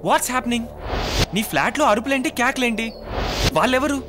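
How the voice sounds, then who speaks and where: A man's voice: extremely high pitch, lively intonation, moderate pace. An actor playing a worried young man who questions his girlfriend in an alarmed way. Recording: film soundtrack with music behind.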